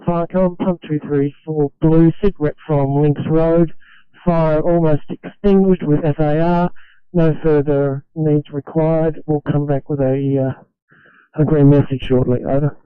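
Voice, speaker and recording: A man's voice: on the high side, steady tone, measured pace, smooth, no room sound. A man speaking over a two-way radio as a fire crew member, giving terse, clipped procedural call-signs and reports. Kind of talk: terse emergency radio traffic. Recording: narrow-band tinny radio transmission.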